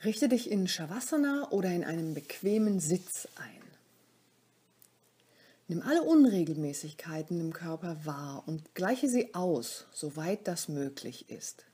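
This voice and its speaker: A yoga nidra teacher with a voice on the low side leads a guided meditation. She speaks soothingly and calmly in short, paused phrases, soft and breathy, often nearly a whisper.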